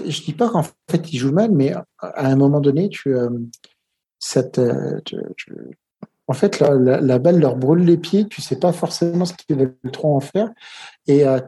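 Male pundit, mellow and a bit husky, halting tactical chat. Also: fairly high pitch. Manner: hesitant, many filler sounds. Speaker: football co-commentator. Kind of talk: casual match commentary.

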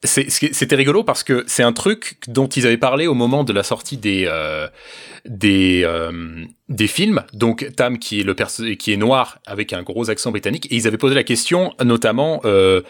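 A man talking in a casual podcast chat, halting and searching for his words. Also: mid-range voice, expressive.

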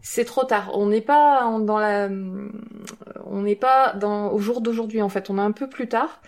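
A woman speaks as a panelist in a casual film discussion. Her voice sits at a medium pitch, and she explains her points informally, feeling her way through the phrasing. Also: unhurried. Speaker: podcast panelist, teacher.

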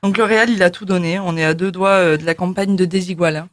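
A woman's voice: lowish voice, fairly even intonation, fast, dry recording, studio quality. A woman co-hosting a radio show, chatting casually with lots of fillers and laughter. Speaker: radio co-host.

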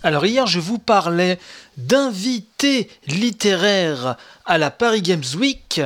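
A man's voice: high voice, expressive, slow pace, fairly bright tone, soft background music. A married man hosting a casual spoken video game press review, chatty and opinionated, with many asides and fillers. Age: adult, married. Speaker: video game news show host.

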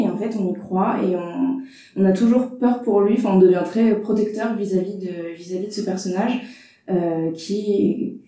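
A woman's voice: medium pitch, dark tone. Woman chatting about films, lots of euh, roomy echo, kinda far from the mic. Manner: hesitant, many fillers. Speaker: film critic panelist. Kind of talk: casual discussion.

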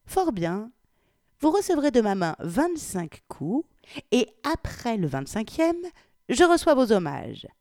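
A woman's voice: a little high, big pitch swings, slow, dark tone, no echo, studio quality, pitched above the performer's own voice, heavily acted. A woman voicing a mocking young baroness. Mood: teasing. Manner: playful, mocking.

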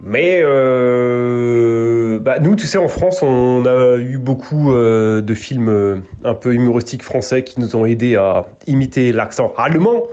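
A man in his thirties chatting casually in a relaxed, teasing way. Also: mid-range voice, a little slow, hardly any pauses, lo-fi sound, soft background music. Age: 30s. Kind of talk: casual chat.

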